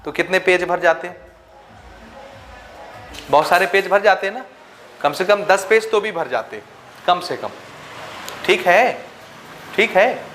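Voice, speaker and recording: A man's voice: high voice, animated, a little slow, pauses often, a bit bright, soft background music. A man teaching a maths class, counting numbers aloud and often checking whether the students follow. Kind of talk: classroom lecture.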